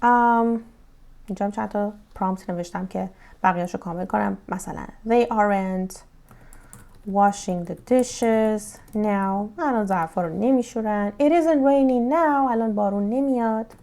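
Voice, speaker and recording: A woman's voice: medium pitch, dark tone. Persian-accented woman teaching English grammar. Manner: slow, deliberate English examples, quick Persian explanations. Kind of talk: grammar lesson.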